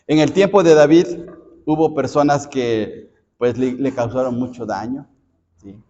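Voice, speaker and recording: A man's voice: medium pitch, measured pace, warm tone, slight background noise. A male pastor with a Mexican accent leading a Bible study, talking conversationally, repeating words and often checking in with the congregation. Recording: dull sound with long hall reverb.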